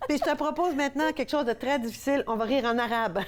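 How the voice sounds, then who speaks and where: Bubbly Québécois woman leading laughter yoga. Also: high-pitched. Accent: Québécois French. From Quebec, Canada. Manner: bubbly, laughs often, playful exaggerated ho-ho-ha-ha laughing. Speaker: laughter yoga instructor and host. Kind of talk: upbeat on-air instruction with laughter exercises.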